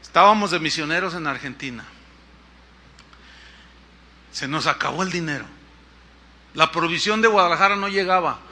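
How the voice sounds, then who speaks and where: A man's voice: moderate pace, pauses often, pushed and bright, slight background noise. A man, a pastor telling a testimony in a sermon, acting out the voices in his story. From Mexico. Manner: storytelling, acts out dialogue with shifting pitch and volume.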